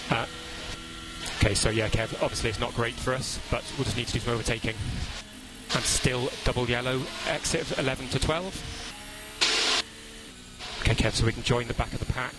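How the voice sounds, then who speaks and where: A man working as a race engineer gives terse pit radio calls in a clipped, instructional, matter-of-fact way over team radio. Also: medium pitch. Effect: team radio transmission. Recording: very noisy radio with engine noise.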